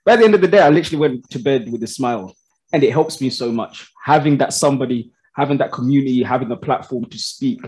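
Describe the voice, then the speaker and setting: A man's voice: mid-range voice, expressive, fast talker, darkish tone. A man, an upbeat and chatty host giving thanks at the close of a live panel. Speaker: podcast host. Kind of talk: closing remarks at a live panel. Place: community studio with live audience.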